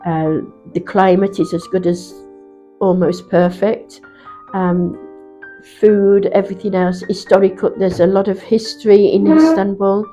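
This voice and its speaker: A woman recounts her reasons for settling abroad, speaking unhurriedly and pausing with soft fillers. Her voice is mellow and warm. Quiet music plays underneath. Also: mid-range voice. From England. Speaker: interviewee. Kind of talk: casual personal account.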